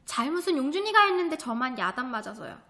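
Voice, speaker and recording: A sulky young schoolgirl from a children's story, voiced by a woman teacher. She answers in short, pouting replies with a bright, high voice. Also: very animated, quick pace, full character voice. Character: sulky fifth-grade girl, older sister.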